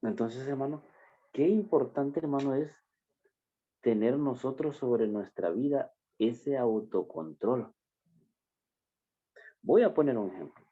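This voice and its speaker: Slow, emphatic preacher man, dull recording. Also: mid-range voice, mellow, slightly rough. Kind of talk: sermon.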